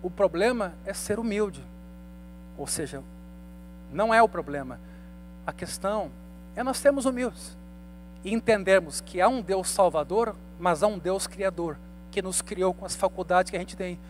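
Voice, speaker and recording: A pastor in his thirties delivers a conversational Bible study sermon, posing rhetorical questions to the congregation. His voice sits high, moves at a normal speed with frequent pauses, and carries slight background noise.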